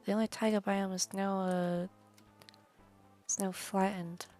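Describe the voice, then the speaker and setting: A woman streaming a building game, talking to herself in a loose, wandering ramble at an ordinary mid pitch. Her thoughts trail and restart as she goes. Faint music plays underneath. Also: level tone, measured pace, mellow. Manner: rambling, chatty, trails off into half-whispered asides; swears casually. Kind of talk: casual gameplay commentary.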